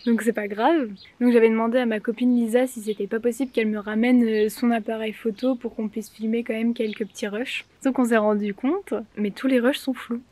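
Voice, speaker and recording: A woman's voice: a little high, fairly even intonation, fairly quick, few pauses, dark tone, no echo. A young woman vlogger telling stories in a casual, rambling and informal way, as if chatting to friends. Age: young adult. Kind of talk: casual chatty vlog storytelling.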